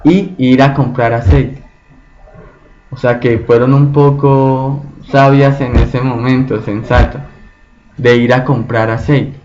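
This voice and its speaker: A man's voice: mid-range voice, level tone, background noise. A man teaching a Bible study, often checking in with his listeners through rhetorical questions. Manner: slow, asks the group frequent rhetorical questions. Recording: dull lo-fi recording.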